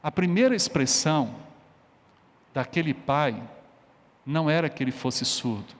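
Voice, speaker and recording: A man's voice: on the high side, expressive, unhurried. A male pastor preaching a sermon, telling an illustration and then explaining it emphatically. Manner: emphatic, explanatory, rising on exhortations. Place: church. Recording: long church reverb.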